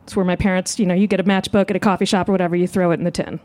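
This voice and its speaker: A woman comedian telling a comic story live on stage, animated and self-mocking. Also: racing. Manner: animated, self-mocking, jumps into high voices. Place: live show outdoors.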